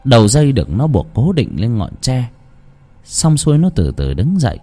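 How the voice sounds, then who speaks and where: A man narrating a ghost story with expressive delivery. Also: medium pitch, normal speed, faint music behind.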